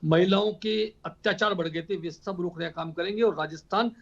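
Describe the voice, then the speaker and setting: A man arguing as a party spokesperson in a heated TV debate, forceful and repetitive. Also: sits high, a little fast, lo-fi sound. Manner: forceful, repetitive rhetorical speech.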